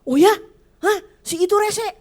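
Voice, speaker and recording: A woman's voice: very high-pitched, unhurried, pitched above the performer's own voice. A woman voicing an imagined God as a chummy, slangy pal who casually promises to get rid of someone. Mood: brash chummy. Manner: loud, chummy, street slang.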